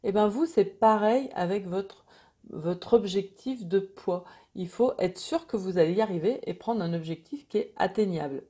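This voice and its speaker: A woman's voice: medium pitch, moderate pace, warm tone. A woman gives an informal, encouraging and reassuring motivational talk as a wellness coach.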